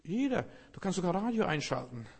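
A man's voice: high-pitched, big pitch swings, a little fast, vocal fry, breathy edge. Emphatic preaching man in a reverberant hall. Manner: emphatic preaching, swings between loud and hushed. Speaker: pastor. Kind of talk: sermon. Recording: long reverb of a large hall.

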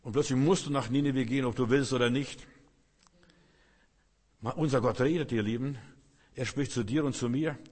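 A middle-aged man, a pastor, preaching a sermon with emphatic swings between loud calls and hushed, drawn-out phrases. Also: mid-range voice. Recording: long reverb of a large hall.

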